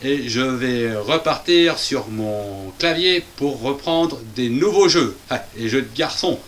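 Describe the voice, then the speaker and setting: A man's voice: mid-range voice, animated, slow pace, fairly bright tone, slight background noise. A man presenting a children's reading lesson, spelling words out syllable by syllable with playful, chatty asides.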